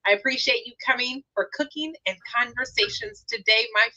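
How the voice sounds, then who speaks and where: A woman hosts a live talk stream in an upbeat, promotional way. Her voice is bright and a little high. The sound is dry and somewhat lo-fi, like a video call. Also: brisk, dry recording. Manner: upbeat, promotional, warm thanks to guests. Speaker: host and founder of the show. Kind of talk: livestream talk show hosting.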